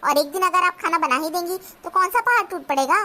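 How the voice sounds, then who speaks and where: Brief: a woman as a squeaky-high, sharp-tongued young cartoon bride. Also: lively intonation, fast talker, heavily acted. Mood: defiant. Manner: retorting, argumentative. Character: young daughter-in-law, sharp-tongued, defiant. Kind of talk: cartoon voice acting.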